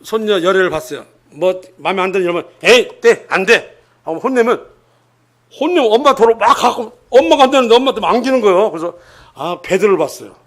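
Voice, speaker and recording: An older male preacher with a notably high voice delivers a church sermon. He keeps putting rhetorical questions to the congregation, pressing emphatic points loudly and then dropping into hushed asides. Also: animated, quick pace. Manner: swings between emphatic loud lines and hushed asides.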